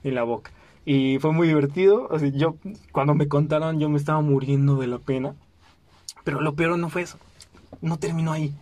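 Young Mexican man, higher voice. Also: dry recording. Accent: Mexican Spanish. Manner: animated, acts out quoted voices, frequent fillers. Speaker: podcast host. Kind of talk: casual storytelling.

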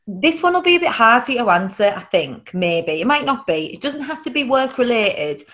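A woman's voice: fairly high pitch, very animated, moderate pace, a bit bright. A woman hosting a casual interview, talking in an encouraging, blunt, informal way. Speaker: podcast host.

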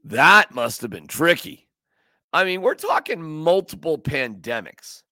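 A man with a fairly high, gravelly voice chats loosely about sports as the host of a podcast. His pitch swings all over as he jokes and rambles. The sound is close and dry, with no room to it. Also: sing-song, measured pace, bright, forceful tone, no room sound. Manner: joking, rambling, does silly voices. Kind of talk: casual sports chat.

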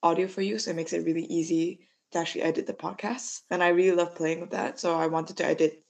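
A young woman from Malaysia chats easily on a podcast, telling her story in a loose, rambling way. Her voice sits a little low for a woman. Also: little pitch movement, fast talker, vocal fry, darkish tone. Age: young adult. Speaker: podcast co-founder and lead editor. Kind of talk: casual chat.

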